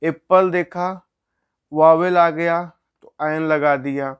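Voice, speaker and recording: Clear-voiced male grammar teacher. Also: fairly high pitch, steady tone, takes it slowly. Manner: explains step by step, asks questions and answers them himself. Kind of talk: grammar lesson.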